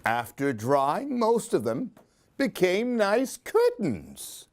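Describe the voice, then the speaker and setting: With a high-pitched voice and huge pitch swings, a man reads at a slow pace during a Halloween story time. As storyteller and host of a kids' book show, he performs the picture books dramatically and asks young listeners questions along the way.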